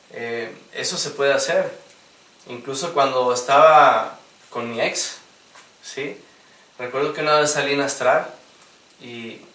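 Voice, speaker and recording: A man's voice: medium pitch, a bit bright, far from the mic. A man giving a spiritual lecture, telling anecdotes, acting out the quoted lines and laughing at his own stories. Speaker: gnostic instructor. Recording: roomy sound, voice from off mic.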